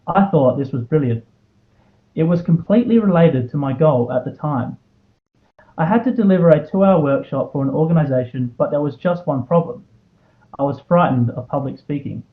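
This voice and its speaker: An earnest young Australian man in his twenties, honored with a student award, gives a prepared motivational talk live before an audience, weaving in a personal story and rhetorical questions. His pitch runs on the high side with lively intonation at normal speed, in phone-quality sound.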